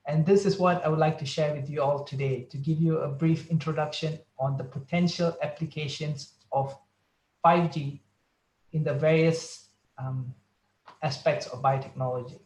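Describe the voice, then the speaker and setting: A man's voice: fairly high pitch, steady tone, moderate pace, a little mellow, reverberant, poor audio. A man from Malaysia, a research scientist, giving a careful, explanatory presentation over a video call. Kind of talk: online conference presentation.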